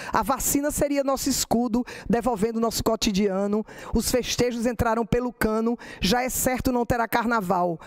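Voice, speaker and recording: A middle-aged woman with a Brazilian Portuguese accent, a lecturer and poet who explains verse forms and recites her own poems slowly. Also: fairly high pitch, a little mellow.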